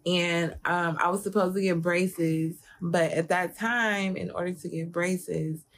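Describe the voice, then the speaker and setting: A woman's voice: on the low side, steady tone, measured pace, a little hiss or hum. A young adult woman with a slight lisp, chatting casually with frequent fillers as a co-host. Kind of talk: casual couple chat.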